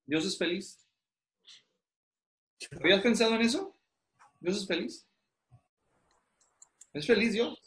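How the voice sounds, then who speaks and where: A man's voice: high-pitched, animated, slow pace, pauses often, fairly bright tone. A man teaching theology to pastors in an interactive online class, constantly quizzing his students. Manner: questioning, drawing answers from students. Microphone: video call. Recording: roomy echo.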